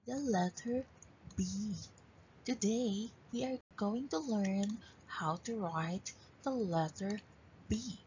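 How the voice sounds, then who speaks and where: A woman's voice: medium pitch, slow pace, darkish tone, slight background noise. A woman kindergarten teacher giving a children's English lesson in a broad singsong, with repeated prompts and praise, on a lo-fi recording. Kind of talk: slow, instructional children's lesson. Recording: dull, lo-fi home recording.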